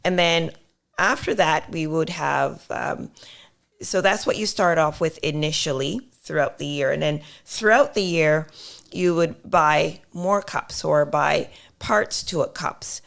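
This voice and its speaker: A woman appears as an accountant guest on a podcast, patiently explaining accounting through step-by-step examples with many fillers. Her voice sits low, is slightly hoarse and fairly bright, and she speaks unhurriedly.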